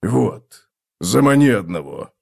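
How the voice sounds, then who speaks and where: A man voicing a gruff, grim old dwarf warrior who growls short, blunt commands. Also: on the low side, sing-song, slow, exaggerated voice. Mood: grim, menacing.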